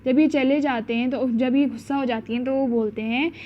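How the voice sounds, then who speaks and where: A woman teacher explaining a school story chapter, mixing languages, acting out the quotes and reading English lines slowly. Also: high voice, steady tone, slight background noise. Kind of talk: storybook lesson in Hindi and English. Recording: dull lo-fi sound.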